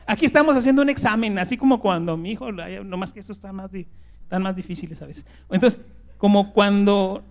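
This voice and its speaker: A man preaching a sermon as pastor. He jumps from loud emphasis to hushed whispers, repeats words and keeps asking "¿verdad?". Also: high-pitched.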